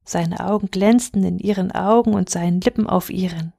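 A woman reading a fairy tale aloud in a calm, measured storytelling manner. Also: on the low side, gravelly, no room sound, studio quality.

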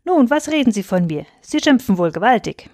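A woman's voice: fairly high pitch, very animated, brisk, a little mellow, no room sound, clean studio sound. A woman doing a scornful, bullying male steward. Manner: scornful, taunting. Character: mocking, domineering male estate steward.

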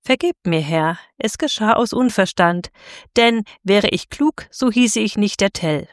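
A woman's voice: medium pitch, expressive, unhurried, dry recording, clean studio sound, close to an everyday voice. A woman voicing a humble, brave male marksman and father who speaks earnestly and pleadingly, in a storybook reading.

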